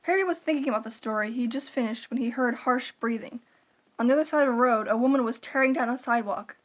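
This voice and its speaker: A woman reads a scripted horror story in a somewhat high voice, slow and dramatic like a creepypasta narrator. The recording quality is low.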